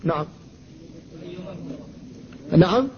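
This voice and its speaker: High-voiced man teaching, lo-fi recording. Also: expressive. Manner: measured teaching, recites verses slowly, pauses to answer students. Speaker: Islamic scholar teaching Quran recitation. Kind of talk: classroom lecture explaining a poem. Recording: dull lo-fi lecture recording with faint noise.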